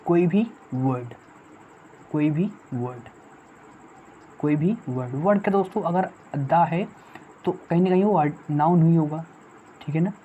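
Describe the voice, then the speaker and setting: A woman's voice: deep voice, dark tone. A woman teaching an online exam-prep English lesson. She repeats herself often, calls the viewers friends, and asks questions she then answers. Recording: dull lo-fi audio with faint noise.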